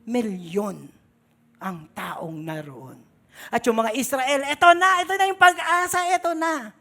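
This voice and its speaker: A woman's voice: a little high, measured pace, a bit bright. A woman pastor with a Filipino accent preaching a sermon dramatically in a mix of Tagalog and English.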